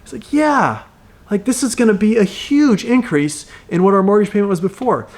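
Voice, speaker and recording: A man coaching real estate agents, telling client stories and acting out both sides of the calls with lively energy. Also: high voice, moderate pace.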